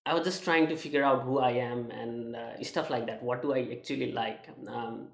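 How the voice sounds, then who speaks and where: A young man from Nepal speaks in a personal testimonial with a Nepali accent, pausing often and restarting his sentences. His voice is gravelly and stays flat in pitch. The room around him adds a noticeable echo. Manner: halting, many fillers and restarts. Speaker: student sharing his experience.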